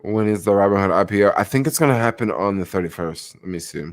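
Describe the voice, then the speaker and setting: A man's voice: lowish voice, lively intonation, fast talker, no echo. A young man chatting casually about stocks on a livestream, rambling with lots of fillers and answering viewers, sounding sleepy. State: sleepy, yawning. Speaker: stock vlogger.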